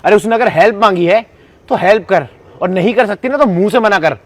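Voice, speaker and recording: A man's voice: on the high side, a little fast, natural voice. A man playing a protective adult son scolding his ex-girlfriend in a short acted skit. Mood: angry. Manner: indignant, scolding.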